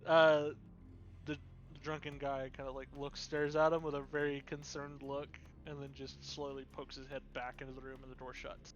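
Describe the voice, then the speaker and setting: A man's voice: medium pitch, monotone, fairly quick. A young man narrating a tabletop game as dungeon master in a loose, rambling way with lots of fillers. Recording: dull lo-fi recording, faint music.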